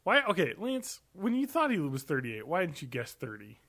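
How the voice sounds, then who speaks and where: A man's voice: fairly high pitch, huge pitch swings, moderate pace, gravelly, pushed and bright. A man in his thirties co-hosting a podcast, agreeable and joking, chiming in often with short replies. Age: 30s. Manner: agreeable, joking, frequent backchannels and laughs. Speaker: podcast co-host. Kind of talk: casual chat.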